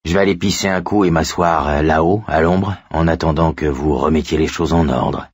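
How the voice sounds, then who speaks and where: Man doing a gruff, kindly old cop. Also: extremely low pitch, fairly even intonation, moderate pace, no echo, clean studio sound. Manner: gruff, fatherly.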